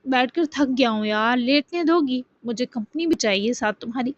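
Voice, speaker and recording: A woman voicing an affectionate, teasing grown man, a romantic lead, in a soft, doting manner. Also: fairly high pitch, close to an everyday voice. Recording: dull dry lo-fi sound.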